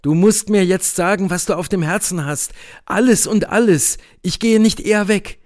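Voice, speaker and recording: Guy reading a young man in love pushing for answers, urgent, kinda loud, storybook. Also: sits high, normal speed, dry recording, studio quality, voice pushed up, lightly acted. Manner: urgent, demanding.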